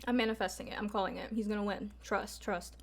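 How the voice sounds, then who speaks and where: This is casual mukbang talk: a young woman eats while chatting informally to viewers, full of filler words and occasional mild swearing. She speaks fast, in a mid-range voice with a steady tone.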